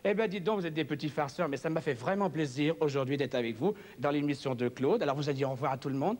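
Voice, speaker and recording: A man's voice: a little high, quick pace, darkish tone, long reverb tail. A man working as a ventriloquist on a TV variety show, playfully chatting with his puppets like a kindly uncle. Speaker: ventriloquist and impressionist guest.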